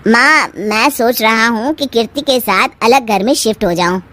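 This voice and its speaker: A woman's voice: fairly high pitch, moderate pace, pushed and bright. A woman voicing a meek young husband in a cartoon, hesitant and yielding. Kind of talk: cartoon voice acting.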